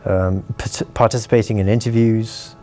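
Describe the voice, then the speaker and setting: A man's voice: lowish voice, fairly even intonation, normal speed, a little mellow, faint music behind. A man from Hong Kong, interviewed with his voice disguised, explaining things earnestly with frequent restarts. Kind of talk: explaining, measured interview talk.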